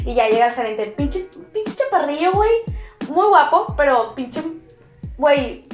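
High-voiced Mexican woman telling a story. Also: a little slow. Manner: animated, slangy, profane storytelling. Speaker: podcast co-host telling a story. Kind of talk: casual chat. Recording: roomy sound with music underneath. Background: music.

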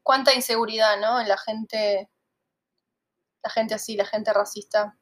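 A woman's voice: a little high, fairly even intonation, a little slow, fairly bright tone. A woman from Argentina with an Argentine accent, co-hosting a podcast in chatty, casual conversation with playful asides. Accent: Argentine Spanish. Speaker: podcast co-host.

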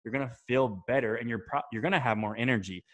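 A man's voice: medium pitch, fast, a bit bright. A young man talking casually to camera, giving habit advice, loose and chatty, swearing now and then and checking in with "right?" and "okay?". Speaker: self-improvement vlogger.

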